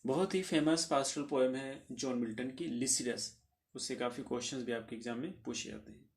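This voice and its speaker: A man teaching a literature lesson for exam preparation, reading English definitions slowly and then explaining them, now and then clearing his throat and correcting himself. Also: mid-range voice.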